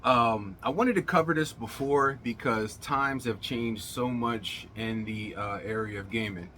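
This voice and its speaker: A man's voice: mid-range voice, slow pace, bright, forceful tone, slight background noise. A middle-aged man hosting a casual gaming vlog, speaking in an emphatic, colloquial showman's way, his words slightly slurred as if from a swollen mouth. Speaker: gaming channel host. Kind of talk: casual vlog monologue to viewers.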